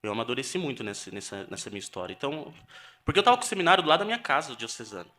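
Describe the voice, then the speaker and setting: A young man with a Brazilian Portuguese accent speaks earnestly about his own story, often stopping and starting over mid-phrase. His voice is bright and forward, sitting at an ordinary middle pitch for a man, recorded close on a podcast mic. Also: sing-song. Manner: earnest, halting with repeated restarts. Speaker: seminarian guest. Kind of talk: emotional personal testimony.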